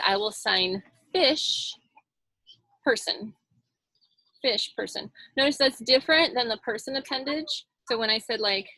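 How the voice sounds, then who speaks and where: A woman with a slightly high, bright, forceful voice leads a children's sign language storytime, with no room sound and poor audio. She demonstrates and explains as she goes, mixing singing and read-aloud into the lesson.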